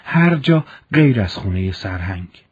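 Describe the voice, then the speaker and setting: A man's voice: fairly low pitch, sing-song, breathy edge, dull audio, exaggerated voice. A man voicing a young village conscript who speaks earnestly and firmly. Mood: resolute. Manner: earnest, resolute. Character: young village soldier, firm and principled.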